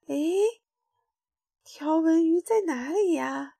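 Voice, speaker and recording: A woman's voice: extremely high pitch, animated, slow, creaky, dry recording, studio quality, exaggerated voice. A woman doing an eager young rainbow fish. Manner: bright, eager.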